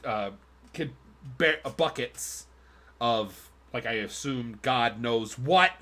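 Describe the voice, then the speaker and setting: Bright-voiced man running a tabletop game. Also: medium pitch, slow pace. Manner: rambling, many fillers and restarts. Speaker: game master. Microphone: streaming mic.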